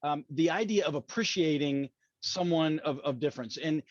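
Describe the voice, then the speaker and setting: A man's voice: a little high, moderate pace, no room sound. A man from West Virginia with an Appalachian accent, hosting a conversational interview in a rambling, folksy, self-correcting way. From West Virginia, USA. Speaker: podcast host. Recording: dull, muffled lo-fi audio.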